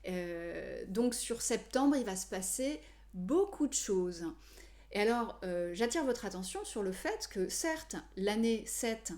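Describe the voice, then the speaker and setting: A woman numerology coach explaining to viewers in a measured way, with frequent hesitations. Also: medium pitch, a little mellow. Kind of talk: explanatory video talk to viewers.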